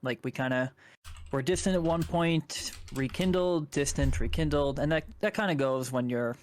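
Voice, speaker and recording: A man's voice: fairly high pitch, normal speed, a little hiss or hum. A young man from Canada, a guest on a chat stream, rambling casually through a personal story and swearing now and then.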